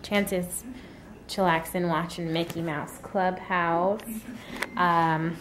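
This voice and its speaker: A woman's voice: fairly low pitch, steady tone, slow, fairly bright tone, slight background noise. A mother vlogging casually at home, chatty and rambling, with many fillers. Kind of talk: casual vlog chat.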